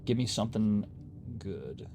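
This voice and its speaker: A man's voice: fairly low pitch, expressive, measured pace, over music. A man giving casual gameplay commentary, thinking aloud and muttering to himself as he plays. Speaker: gaming YouTuber.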